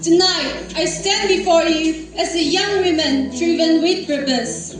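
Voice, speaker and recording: A nineteen-year-old woman from Nagaland giving a slow, earnest and emphatic pageant speech. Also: very high-pitched. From Nagaland, India. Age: teens. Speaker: pageant contestant. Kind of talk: rehearsed stage speech. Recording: very echoey hall, distant mic, music behind.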